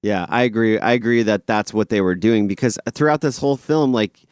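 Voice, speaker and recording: A man's voice: on the low side, a little fast, darkish tone, smooth, no room sound, studio quality. A man co-hosting a film podcast, easygoing and rambling as he gives his opinion. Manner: easygoing, rambling, hesitant with fillers. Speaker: podcast co-host. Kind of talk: casual film review chat.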